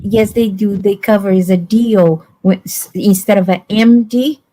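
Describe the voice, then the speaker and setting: A woman's voice: mid-range voice, steady tone, moderate pace, mellow, low-quality recording. A woman hosting a casual chat, talking bluntly and acting out quoted voices in her stories. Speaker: host.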